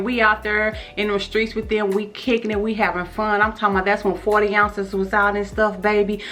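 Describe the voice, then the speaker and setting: A woman tells her life story straight to her viewers. She talks in an animated, slangy way. Her voice is bright and sits at a middle pitch. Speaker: vlogger. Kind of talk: storytime vlog.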